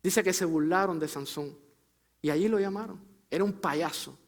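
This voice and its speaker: A man preaching a sermon to his congregation, calling them brother and sister, pushing his phrases up with emphasis and letting them fall low and soft at the end. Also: normal speed. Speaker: pastor.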